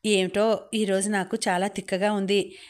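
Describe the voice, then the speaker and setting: In a narrated story, a woman audiobook narrator plays a talkative young woman who playfully teases her friend. The voice stays even and level at a middling pitch, moderately paced and close to an everyday speaking voice, with a teasing, chatty air.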